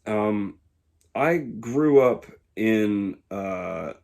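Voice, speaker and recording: A man in his twenties from Georgia, speaking in a casual, reflective monologue that pauses often to find the words. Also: lowish voice, lively intonation, creaky, a little mellow. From Georgia, USA. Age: 20s. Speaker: YouTuber.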